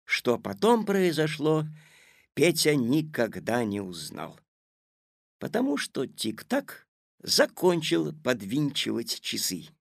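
Gravelly, expressive male audiobook narrator. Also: medium pitch, takes it slowly, no echo, clean studio sound. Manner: expressive storytelling.

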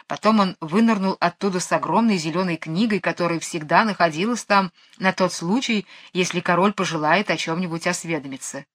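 Expressive woman reading a fairy tale. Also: lowish voice, fairly quick, hardly any pauses. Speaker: narrator. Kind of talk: storybook reading.

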